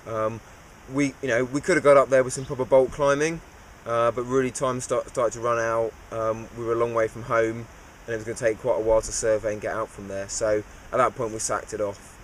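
A man goes over a cave dive in an interview, easygoing and understated, his speech dotted with "uh." The medium-pitched voice moves a little fast with few pauses, and a little hiss or hum is audible.

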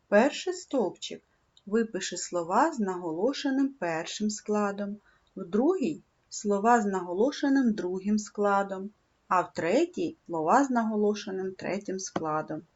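A woman reading a scripted primary school lesson, speaking slowly and clearly and stressing syllables. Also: medium pitch, expressive, a little mellow, dull audio. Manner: slow, clear instructional delivery, stressing syllables.

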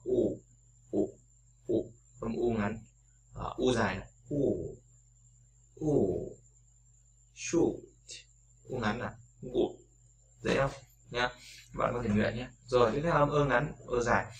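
A man's voice: mid-range voice, slow pace, creaky, long pauses, slight background noise. A Vietnamese-speaking man teaching English vowel sounds in a casual video lesson, repeating each sound and chatting with viewers.

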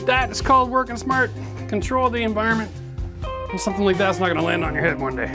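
A man in his forties hosts a hands-on renovation lesson, speaking in a direct, practical way and calling viewers folks. His voice sits a little high for a man. Soft music runs quietly under his talk. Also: quick pace. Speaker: renovation show host. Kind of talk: hands-on how-to demonstration. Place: gutted bathroom in an old brick building, indoors.

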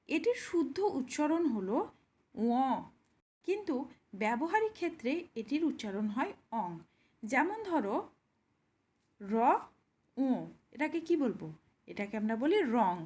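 A woman teaching pronunciation, patiently explaining and slowly demonstrating each sound while speaking directly to the learner. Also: sits high, sing-song, darkish tone, breathy edge.

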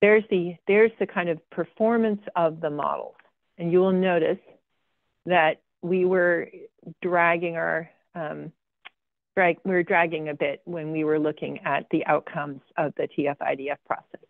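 Speaking at a measured pace in a fairly low, steady voice, this woman is a guest presenting her research on slides. The sound is dry with no room tone and tinny like a video call over a phone, and she peppers her talk with ums and wry sarcasm.

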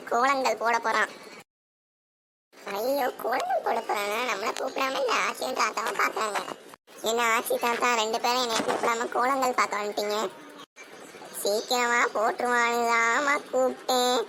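A woman voicing a family cartoon, talking in an animated way with dramatic exclamations. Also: fairly high pitch. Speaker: cartoon channel voice actor. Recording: steady background hiss.

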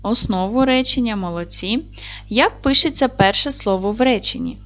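A woman's voice: fairly high pitch, moderate pace, fairly bright tone. A woman teaching a recorded lesson to young children. She is patient and encouraging, asks questions, and answers them herself. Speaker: primary school teacher.

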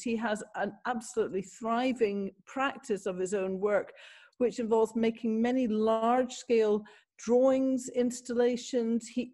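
A woman's voice: mid-range voice, a little mellow. A woman in her fifties hosting an evening video talk, introducing the speaker with many fillers. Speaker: host. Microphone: laptop camera, video call.

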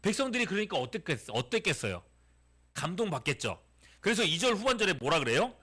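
A middle-aged pastor preaches to a youth group in a high, bright voice. His pitch swings widely as he keeps putting questions to the students and answering them himself. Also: fast talker, breathy edge. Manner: animated, asks the audience many questions. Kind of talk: sermon to teenagers.

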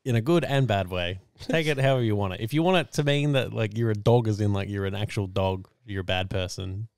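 A man's voice: fairly low pitch, fast talker, darkish tone, smooth, dry recording, clean studio sound. A man co-hosting a podcast in casual banter, rambling with fillers and laughing often. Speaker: podcast co-host.

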